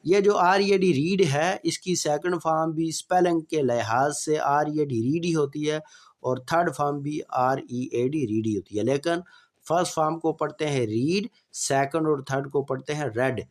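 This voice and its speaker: A native Urdu-speaking man teaching English past tenses, reading the English examples slowly and clearly. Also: on the high side. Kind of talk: explaining grammar lesson.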